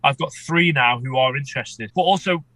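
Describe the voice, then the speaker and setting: An amateur shark expedition filmmaker chats casually as a podcast guest, so congested from a head cold that he sounds underwater. His medium-pitched voice is pushed and bright at a normal speed, and the poor audio has no echo.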